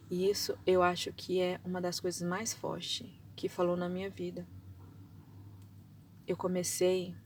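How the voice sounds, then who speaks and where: A woman preaching a testimony sermon, swinging between loud outbursts and hushed whispers. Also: on the low side, gravelly, recorded from a distance, a little hiss or hum.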